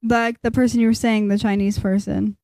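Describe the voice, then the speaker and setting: A woman co-hosting a casual podcast, with a voice at an everyday middle pitch. She chats easily, agreeing and pushing back with quick questions. The recording is dry and close. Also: flat delivery, mellow, no room sound. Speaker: podcast co-host. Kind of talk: casual chat.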